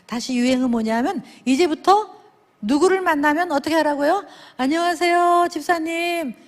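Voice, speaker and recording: A woman speaking at a church service, telling lively stories and acting out the people in them with big swings in her voice. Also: moderate pace. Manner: animated, acts out dialogue with big pitch swings. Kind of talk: lively sermon storytelling with acted quotes. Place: church sanctuary. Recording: long reverb of a church hall.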